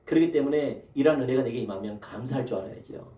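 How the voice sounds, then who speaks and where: In a church sanctuary, a pastor preaches a sermon with animation, throwing rhetorical questions at the congregation and calling for amens. His voice is medium-pitched and quick, and the distant mic picks up the echoey hall.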